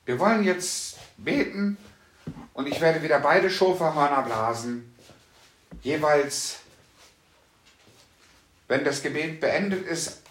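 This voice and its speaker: A fairly high-pitched man preaching with fervor, drawing out and repeating his key lines for effect. His voice rings through a reverberant room, picked up from some distance off the mic. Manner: emphatic, repeats phrases slowly and loudly for stress. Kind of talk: sermon.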